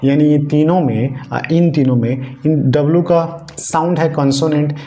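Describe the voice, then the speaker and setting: A man with a slightly high, steady, warm voice gives a Hindi grammar lesson at a moderate pace, classroom style. He walks through it step by step, repeats what matters, and puts questions to his students, recorded in an echoey room with faint noise.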